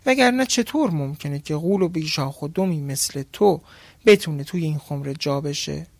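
A man's voice: a little high, animated, vocal fry, dry recording. A poor but cunning fisherman from a storybook, sly and mocking, as a male narrator plays him. His voice sits close and dry.

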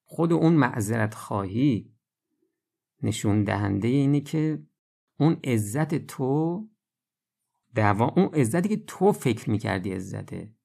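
A man giving an earnest religious lecture, urging his listeners in rising bursts and then slowing to drawn-out phrases. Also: medium pitch, animated, creaky, warm tone. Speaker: preacher.

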